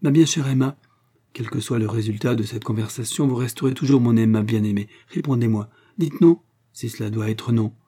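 A man reading a novel aloud, voicing a grave, earnest gentleman suitor with a slightly raised, fuller voice. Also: medium pitch, fairly quick, husky, lightly acted. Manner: grave and earnest, rising in warmth. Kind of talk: audiobook character reading.

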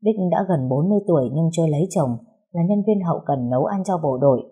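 A woman reading a family drama story aloud as narrator, in a steady, plain delivery. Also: low voice, fast, husky.

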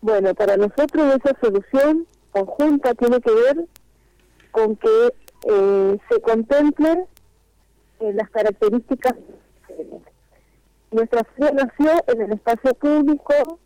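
A woman's voice: fairly high pitch, warm tone, dry recording. Woman speaking on speakerphone. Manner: earnest, explains at length with frequent pauses. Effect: on speakerphone over a phone line. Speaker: market vendors' spokesperson calling in. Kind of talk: phone-in radio interview.

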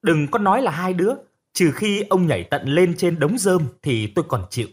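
A man voicing an indignant village boy who loudly protests in a read-aloud story. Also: a little high, expressive, moderate pace, breathy edge, pitched above the performer's own voice.

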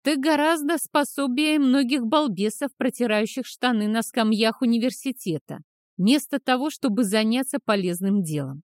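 A woman's voice: on the high side, normal speed, no echo, clean studio sound, close to an everyday voice. A woman reading the part of a kindly, absent-minded older male scholar in an audiobook, talking fussily. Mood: kindly, fussy.

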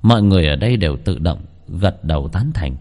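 A man narrating a ghost story in an expressive storytelling manner. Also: low voice, fast.

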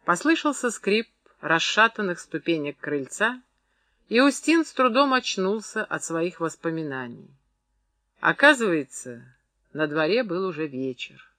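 Bright-voiced male audiobook narrator. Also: high-pitched, very animated, no echo, clean studio sound. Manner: measured literary reading. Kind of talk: scripted narration.

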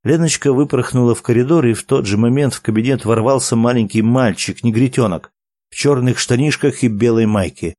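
A man reads a story aloud at a measured, calm pace. His pitch sits in the middle of the range. The recording is dry and close. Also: dry recording. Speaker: narrator. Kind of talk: audiobook narration.

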